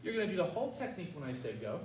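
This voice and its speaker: A man's voice: high-pitched, big pitch swings, racing, a little mellow. Older male karate instructor, roomy and distant. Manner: commanding, instructional, calling out short counted cues. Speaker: martial arts instructor. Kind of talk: karate lesson with call-and-response drills. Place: large martial arts studio, indoors. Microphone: far camera. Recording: roomy, distant mic with faint noise.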